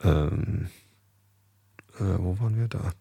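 A man's voice: deep voice, slow, vocal fry, warm tone, husky. A man reading a children's book aloud in a casual way, stumbling over words and correcting himself, recorded at home on a desk microphone. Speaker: reader.

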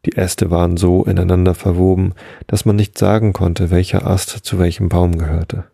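Very deep guy reading a storybook, calm and steady, gravelly and husky, totally dry sound. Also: moderate pace, no echo. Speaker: narrator. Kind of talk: scripted storybook narration.

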